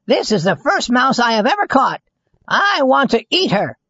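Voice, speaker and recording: A stubborn young kitten from a storybook, voiced by a man in a raised, self-satisfied tone. Her husky voice stays firm and will not give way. The recording sounds dull and lo-fi. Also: extremely high pitch, big pitch swings, normal speed, sharp tone, dry recording, voice pushed up, heavily acted.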